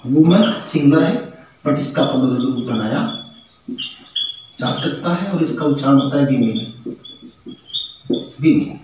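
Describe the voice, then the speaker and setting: A man teaches a grammar lesson, walking through examples one by one and repeating the key words. His voice sits a little high and comes from some distance off the mic. The room is very echoey, with a faint hiss behind. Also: dark tone. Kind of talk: classroom lecture.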